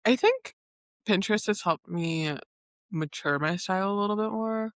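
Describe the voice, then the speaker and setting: A woman's voice: medium pitch, moderate pace, dry recording, clean studio sound. A woman in her late twenties co-hosting a podcast, chatting loosely with lots of "like" and frequent laughter. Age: late 20s. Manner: chatty, laughing, full of filler "like". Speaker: podcast co-host. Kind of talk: casual chat.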